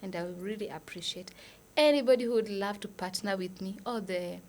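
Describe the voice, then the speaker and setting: Kenyan woman guest, soft earnest delivery. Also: mid-range voice. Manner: earnest, measured, often dropping to a breathy near-whisper. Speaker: guest, nurse and foundation founder. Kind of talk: podcast interview.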